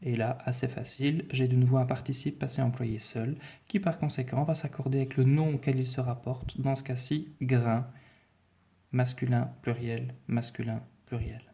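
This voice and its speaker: A man's voice: medium pitch, flat delivery, normal speed, creaky, mellow. A man teaching a French spelling lesson, walking patiently and methodically through a dictation and repeating the key points.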